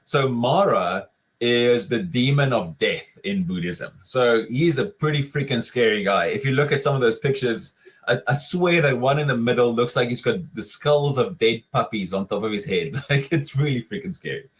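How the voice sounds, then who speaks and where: A man's voice: medium pitch, animated, normal speed, poor audio. Male webinar presenter, mid-range voice, loose conversational delivery full of fillers and rhetorical questions. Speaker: webinar speaker.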